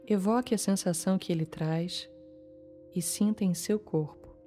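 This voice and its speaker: A Brazilian woman leading a guided meditation in a calm, soothing manner, leaving long pauses between short phrases. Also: on the low side. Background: soft music.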